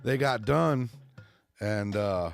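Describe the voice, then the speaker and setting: Man, podcast co-host, gravelly, rambling, loud quoted lines, casual chat, faint guitar music. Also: lowish voice, slow. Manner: rambling storyteller, shouts out quoted lines, laughs often.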